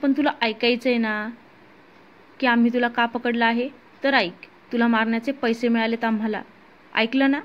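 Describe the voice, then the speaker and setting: A woman voicing a fat male hired thug who loudly threatens a captive, heard on a muffled lo-fi recording. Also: very high voice, fairly even intonation, moderate pace. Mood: menacing. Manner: menacing, loud.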